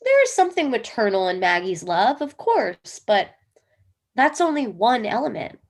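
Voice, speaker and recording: A woman's voice: fairly high pitch, sing-song, normal speed. A woman reading the role of an earnest wife devoted to dream analysis, with an emphatic, theatrical delivery in a comic play reading. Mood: lecturing.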